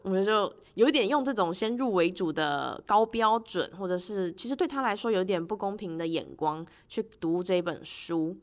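A woman with a medium-pitched voice hosts a casual solo podcast. She talks in a chatty, personal way and voices her reactions expressively as she tells things. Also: lively intonation, moderate pace, hardly any pauses. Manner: laughs often while talking. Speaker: podcast host.

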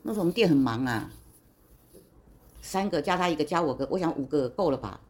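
A woman's voice: deep voice, animated, a little fast, darkish tone. A woman in her sixties in a casual interview, telling a long story in a talkative, indignant way, quoting what people said and often restarting her sentences. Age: 60s.

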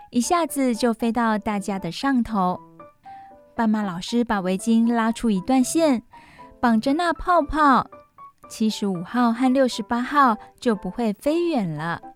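A woman hosting a children's radio show, reading a bedtime story aloud as if to a toddler, with simple exclamations and repeated phrases. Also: fairly high pitch. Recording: music playing behind the voice. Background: music.

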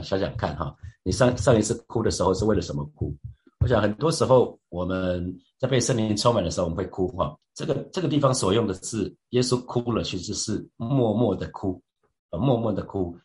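A man with a somewhat low voice leads a devotional Bible teaching. He talks in a reflective, musing way, often turning to his listeners with questions and soft verbal fillers. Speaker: church leader sharing a devotional.

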